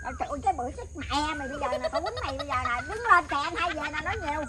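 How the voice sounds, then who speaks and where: Shrill fast-scolding Mekong Delta woman. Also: expressive, crowd noise. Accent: Southern Vietnamese, Mekong Delta. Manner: scolding, loud and rapid. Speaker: comedy skit actor playing a mother. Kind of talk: comic family skit. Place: outdoors in a fruit orchard.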